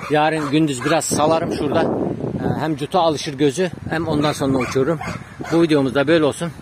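A man's voice: fairly high pitch, very noisy. A man, a pigeon breeder, chatting casually to his viewers from his garden and calling out to his dogs now and then. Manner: chatty, addresses viewers as friends, shouts dog commands. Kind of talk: casual vlog talk to viewers.

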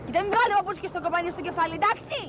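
An actress playing a nagging, quarrelsome wife who shouts and scolds her husband. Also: very high voice, expressive. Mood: scolding. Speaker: Vasilis's wife. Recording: noisy 1980s film soundtrack.

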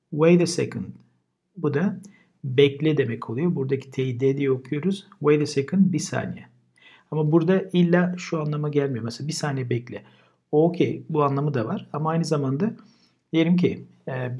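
A man's voice: a little high, a little fast, dark tone, husky. A man teaching English vocabulary in a casual lesson. He says each word twice and then explains it. Turkish is his first language.

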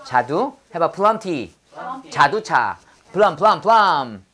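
Slow, drilling woman vocabulary teacher. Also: low-pitched, sing-song, a bit bright. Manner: repeats words and prompts the class to echo them; drops in corny pun jokes. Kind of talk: classroom vocabulary drill lecture.

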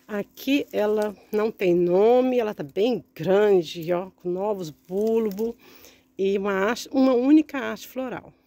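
A woman's voice: mid-range voice, slow pace, dark tone. Brazilian woman gushing over orchids. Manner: gushing, keeps calling out to viewers. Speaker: orchid vlogger. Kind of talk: casual walk-through vlog. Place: large indoor orchid greenhouse.

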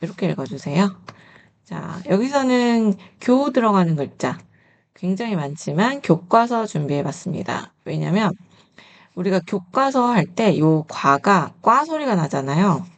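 A woman teaching a reading lesson, slowly sounding out syllables and explaining word meanings politely and patiently. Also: mid-range voice, sing-song. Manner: polite teaching tone, asks questions to the viewer. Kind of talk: slow instructional reading lesson.

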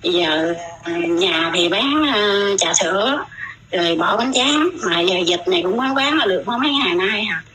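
A woman's voice: medium pitch, lively intonation, normal speed, bright, forceful tone, slight background noise, poor audio. A middle-aged woman, telling her own story in casual, rambling talk and often repeating her words.

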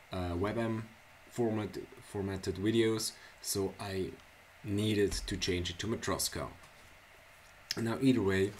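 A Swiss man whose first language is Swiss German presents a casual screencast software tutorial in a very low, deep voice, speaking slowly and haltingly with fillers and restarted words. He's in a small indoor room at a computer, and his desk mic picks up a soft hiss and keyboard clicks.

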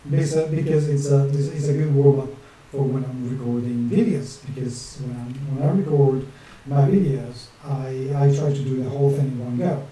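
Sitting at a desk in a small room at home, a map illustrator in his forties who hosts a channel rambles through jokey asides to himself as he draws a map on screen. He has a non-native accent with a northern English touch and a warm, mid-range voice at normal speed with fairly even intonation. The distant webcam mic captures lots of echo and faint hiss.

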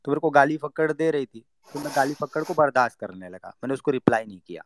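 A young man telling a personal story in a casual talk. He acts out the lines of the people in it and drops to a low murmur for his own thoughts. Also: animated, fast talker.

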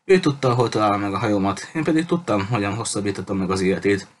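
A man's voice: on the low side, slight background noise, lightly acted. Captain Spencer, a man voicing a menacing pirate captain. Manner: threatening, mocking, coldly polite. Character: cruel menacing male pirate captain, adult. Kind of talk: audiobook character reading.

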